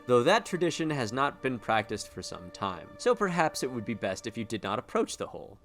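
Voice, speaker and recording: A man voicing a grave, ominous village storyteller from a horror game, reading in a measured, theatrical way. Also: medium pitch, very animated, a bit bright. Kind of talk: dramatic reading of game dialogue. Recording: music behind the voice.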